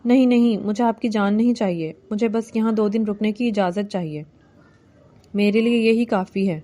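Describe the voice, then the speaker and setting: A woman voicing a timid, gentle young bride in a novel reading, speaking softly and pleading. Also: medium pitch, natural voice.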